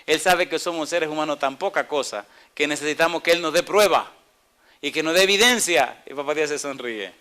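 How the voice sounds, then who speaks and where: Bright-voiced preacher man, animated. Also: on the high side, fairly quick. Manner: dramatic, acting out biblical dialogue, asks the congregation questions. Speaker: pastor. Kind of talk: sermon.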